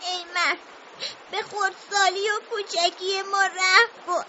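A man's voice: extremely high pitch, level tone, bright, forceful tone, a little hiss or hum, pitched above the performer's own voice, heavily acted. A man voicing a frightened young boy who begs tearfully for mercy, in a dull lo-fi recording. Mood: pleading. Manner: tearful, begging.

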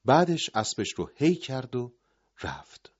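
A man narrating a dramatic story, dropping to hushed tones at the end of sentences. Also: medium pitch, very animated, breathy edge. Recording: dull lo-fi recording.

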